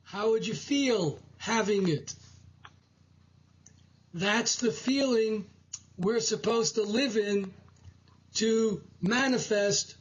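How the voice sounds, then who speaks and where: A man hosting a spiritual talk show, speaking in a measured, preaching way over dull, lo-fi audio. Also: high voice, breathy edge. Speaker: host.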